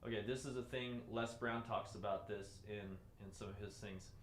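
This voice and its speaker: A man teaching a live-streamed lesson, repeating key phrases and moving between loud excited bursts and soft, low delivery. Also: moderate pace, slight background noise. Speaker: presenter teaching webinar skills. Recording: roomy echo.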